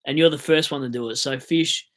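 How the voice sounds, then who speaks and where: A man's voice: mid-range voice, fairly quick, a bit bright. An Australian man hosting a fantasy football livestream, chatting casually, swearing and mock-ranting about his team.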